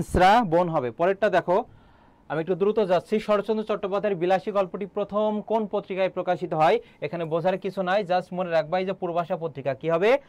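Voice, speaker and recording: A man's voice: high-pitched, fairly even intonation, fast, darkish tone, no echo. A young man teaching an online exam-prep class, quizzing students and repeating key answers, with frequent filler sounds.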